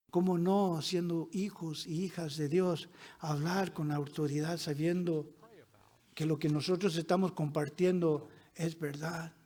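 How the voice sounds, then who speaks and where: A man's voice: high-pitched, darkish tone. A man preaching a sermon, emphatic, repeating short refrains and asking his listeners questions.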